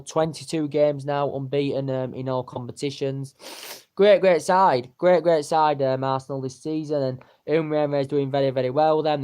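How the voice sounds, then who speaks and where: A man's voice: mid-range voice, darkish tone, clear, resonant tone. Rambling man, lots of ums. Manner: rambling, many fillers and repeated words. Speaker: football transfer news vlogger. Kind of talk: casual unscripted commentary.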